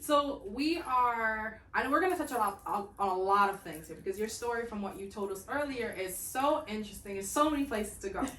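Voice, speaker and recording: A woman's voice: on the high side, normal speed. Enthusiastic female host, echoey room. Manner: enthusiastic, upbeat. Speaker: host, interviewer. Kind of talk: interview hosting. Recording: echoey room, far from the mic.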